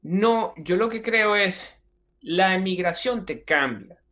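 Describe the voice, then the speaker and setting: Man, Venezuelan accent, comedian guest, animated slangy storytelling, stumbles and restarts, fairly high voice. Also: takes it slowly. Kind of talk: casual interview chat.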